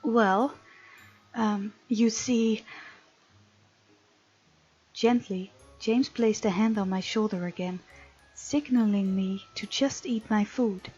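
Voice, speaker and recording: This gaming host takes her time, leaving long pauses as she reads a visual novel's text aloud and reacts to it. Her mid-range voice is husky and slightly mellow. A dull lo-fi mic picks her up over the game's music.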